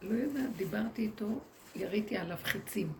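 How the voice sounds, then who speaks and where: This medium-pitched, gravelly-voiced rebbetzin teaches a women's group through animated storytelling, acting out the people she quotes. The recording picks up a noisy room.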